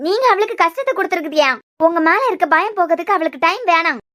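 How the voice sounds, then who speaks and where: A woman's voice: very high voice, lively intonation, quick pace, bright, forceful tone, no room sound, studio quality, exaggerated voice. A woman voicing a firm young caretaker in a cartoon, who lectures the father plainly in Kanyakumari Tamil. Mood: lecturing. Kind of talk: cartoon voice acting.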